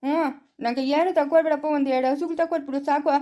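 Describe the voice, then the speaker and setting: A woman's voice: high-pitched, steady tone, quick pace, warm tone. A woman with a rural Chikkaballapur Kannada accent acting in a family skit, scolding and talking in village dialect.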